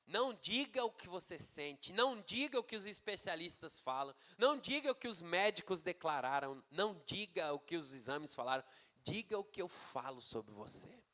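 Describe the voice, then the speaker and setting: A man's voice: high voice, very animated, normal speed, pushed and bright, full character voice. A man voicing God, giving firm and fatherly commands. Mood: commanding.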